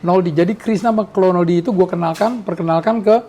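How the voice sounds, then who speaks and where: A man's voice: high voice, fast talker, warm tone. A man in his sixties from Indonesia, hosting a podcast and reminiscing in casual chat, rambling with many restarts. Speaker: podcast host.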